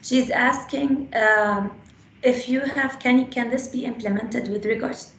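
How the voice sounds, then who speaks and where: A hoarse woman moderating an online panel and reading out audience questions. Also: fairly high pitch, slow pace, a bit bright. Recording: echoey call audio with faint noise.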